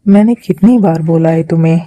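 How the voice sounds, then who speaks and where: A woman's voice: deep voice, a little fast, warm tone, lightly acted, low-quality recording. A woman voicing a stern, protective older brother in a fan-made dubbed drama. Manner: scolding, protective.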